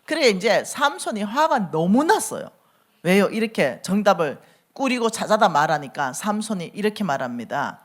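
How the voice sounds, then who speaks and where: A woman's voice: medium pitch, sing-song, moderate pace. A middle-aged woman, preaching a sermon as a church elder and acting out the quoted speech as she tells the story.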